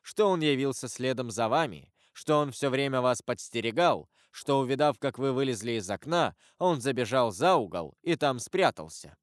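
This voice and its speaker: A man voicing a stern, solemn avenger disguised as a priest, speaking gravely and in measured sermons. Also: medium pitch, animated, no room sound, clean studio sound, natural voice.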